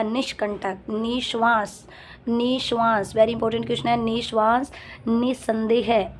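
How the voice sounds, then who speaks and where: A woman's voice: fairly high pitch, a little mellow, a little hiss or hum. A woman teaching a Hindi spelling lesson for exam preparation, repeating each word and telling students to memorize it. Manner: drills words by repeating them, urging students to memorize.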